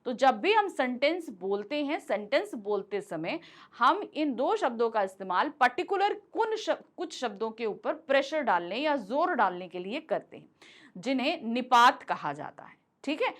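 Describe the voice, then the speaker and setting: Lively high-voiced woman teaching Hindi grammar. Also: a little slow. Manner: asks and answers her own questions, repeats key words; Hindi mixed with English words. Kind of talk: explaining a Hindi grammar lesson.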